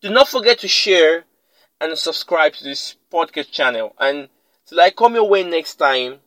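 A man's voice: on the high side, animated, unhurried, a bit bright, no echo, rough recording. A man hosting a motivational podcast, speaking emphatically and repeating his key lines for effect. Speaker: podcast host. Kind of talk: motivational talk.

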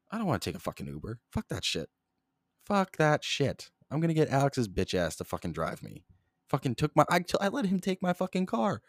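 Swearing nonstop and jumping between subjects, a young man rambles in a flat monotone on his solo podcast. His voice is on the low side, close-miked, with no room sound.

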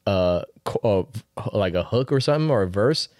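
Podcast co-host, man, late 20s, animated delivery, dry close sound, slangy and repetitive. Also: lowish voice, normal speed, no echo. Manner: slangy, repeats phrases, frequent "bro" and "man". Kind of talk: casual chat.

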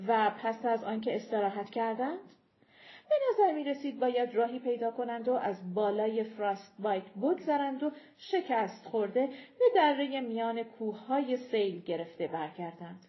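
A woman narrating an audiobook with steady storytelling. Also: a little high. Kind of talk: scripted narration. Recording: dull lo-fi recording.

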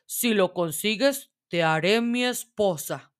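A woman's voice: mid-range voice, slow, clear, resonant tone, close to an everyday voice. A woman voicing a greedy king who gives a firm command, in a storybook reading.

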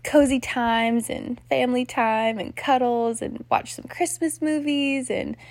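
A woman's voice: on the high side, steady tone, measured pace, gravelly, a little mellow, no room sound. A woman hosting a podcast, talking casually and earnestly to her listeners, recorded on her phone from her bed at home. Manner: earnest, encouraging, gushing thanks. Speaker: podcast host. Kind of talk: casual heartfelt chat.

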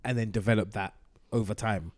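A man co-hosting a podcast, asking quick curious questions. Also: on the low side, steady tone, darkish tone, no echo. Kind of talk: casual podcast chat.

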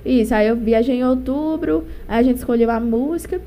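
A woman's voice: fairly high pitch, brisk, dark tone, slight background noise. A young woman with a Northeastern Brazilian accent and a cold, telling her story casually and colloquially in an interview. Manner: colloquial, chatty. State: has a cold. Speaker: singer being interviewed.

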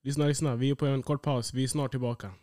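A laid-back young man co-hosts a casual podcast and mostly answers in short, easygoing bits. His voice sits at a middle pitch. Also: fairly even intonation, warm tone. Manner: laid-back, brief replies. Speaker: podcast co-host. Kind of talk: casual chat.

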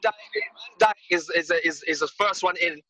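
A man's voice: high-pitched, wildly swooping pitch, fairly quick, gravelly, sharp tone, dry recording. A man with a London accent takes part in a casual football debate as a panellist, slangy and emphatic, often repeating himself. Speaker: podcast panellist.

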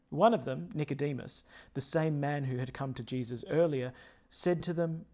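A man with a slightly high, darkish voice speaks as a priest at Mass. He reads scripture and preaches a homily in a solemn, declamatory style.

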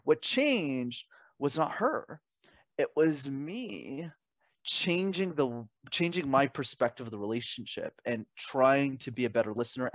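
His voice sits on the high side, and the recording has no echo. He's a young adult Canadian communication coach being interviewed, articulate and emphatic as he mixes conversational advice with personal anecdotes and poses plenty of rhetorical questions.

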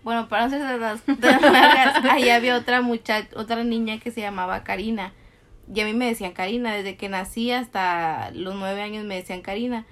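A woman's voice: a little high, steady tone, a little fast, a bit bright. A young adult woman, co-hosting a podcast in casual chat and telling stories with many self-corrections. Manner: rambling storyteller, frequent self-corrections. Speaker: podcast co-host.

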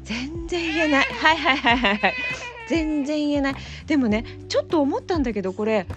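A woman's voice: sits high, expressive, fairly quick, fairly bright tone, dull audio, soft background music. A woman hosting a casual solo podcast as a mother, flustered and laughing as she pleads with her small child to stop interrupting.

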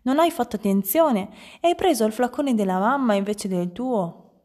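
Una donna che legge ad alta voce e fa una bambina furba che parla con calma. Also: female voice, on the high side, normal speed. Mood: sly. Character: calm clever little girl.

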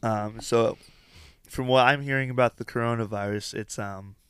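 A man's voice: medium pitch, steady tone, moderate pace, clean tone, no echo, studio quality. A man chatting casually as a podcast co-host, explaining things in a rambling way and peppering his sentences with "like". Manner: says "like" a lot. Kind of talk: casual chat.

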